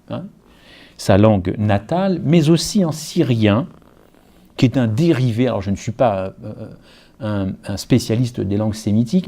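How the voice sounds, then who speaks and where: Guy from guadeloupe preaching, mellow dark voice, gets lively and asks lots of questions. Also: medium pitch. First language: Guadeloupean Creole alongside French. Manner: animated, rising emphasis and rhetorical questions. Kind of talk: sermon.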